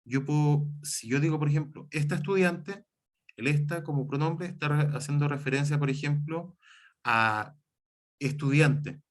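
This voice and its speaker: A male teacher gives an online lecture and keeps adding examples. His voice sits a little high for a man. He often stops to correct himself mid-sentence. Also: steady tone, moderate pace. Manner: explains with many examples and self-corrections.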